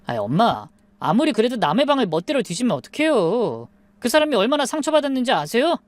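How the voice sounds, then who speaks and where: A woman's voice: a little high, very animated, quick pace, no echo, pitched above the performer's own voice. A woman voicing a grown son who scolds his mother in irritation. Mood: irritated. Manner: exasperated scolding.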